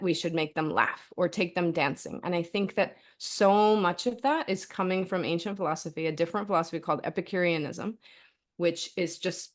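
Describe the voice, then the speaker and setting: A middle-aged woman in a conversational interview, answering thoughtfully and often tagging her sentences with "right?" and "like.". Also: lowish voice. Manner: thoughtful, frequent "like" and "right?" tags. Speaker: philosophy author and professor, interview guest.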